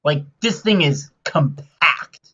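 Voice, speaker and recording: A man giving casual gameplay commentary, rambling and excitable as he explains his build, with many filler sounds. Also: on the high side, slow pace, breathy edge, muffled recording.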